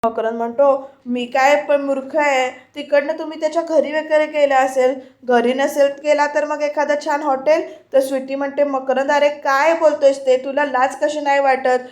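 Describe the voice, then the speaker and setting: A woman's voice: high voice, level tone, normal speed, darkish tone, echoey room. A woman narrating a voice-over review of a TV serial, quoting each character's lines and addressing her viewers directly. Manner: retells scenes, quoting each character's lines with little change of voice. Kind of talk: voice-over retelling of a TV serial episode.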